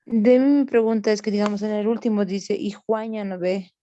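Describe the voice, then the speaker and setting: A woman's voice: medium pitch, steady tone, normal speed, mellow, muffled recording. A woman student in an online class, hesitantly explaining her question to the teacher.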